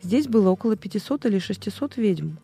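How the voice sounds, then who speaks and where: A woman's voice: medium pitch, animated, quick pace, mellow, husky, faint music behind. A woman narrating a storybook as an audiobook reader, reading expressively.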